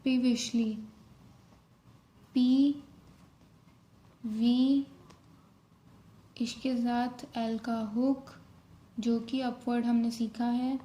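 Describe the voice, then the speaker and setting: A woman teaches shorthand, calling out letters and strokes one by one. Her voice sits high but mellow, and her pace is unhurried and steady. She moves easily between Hindi and as she explains. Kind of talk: step-by-step tutorial explanation.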